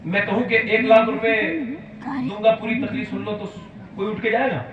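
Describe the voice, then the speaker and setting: A high-voiced man preaches an impassioned religious sermon, moving from quiet storytelling to loud, shouted climaxes and sometimes scolding his audience directly. The lo-fi recording has background noise and faint ambience, with his voice distant in an echoey hall.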